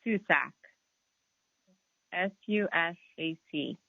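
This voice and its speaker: A woman's voice: fairly low pitch, slow pace, creaky, no room sound. A woman in her thirties calling into a radio show, earnestly explaining with hesitant fillers. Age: 30s. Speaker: caller. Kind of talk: phone-in caller. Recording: tinny phone line.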